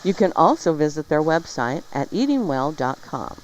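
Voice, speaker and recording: A woman hosts a talk show, reading health news and sponsor spots playfully in a low voice with big pitch swings at a moderate pace. The lo-fi audio sounds dull, with music playing behind her.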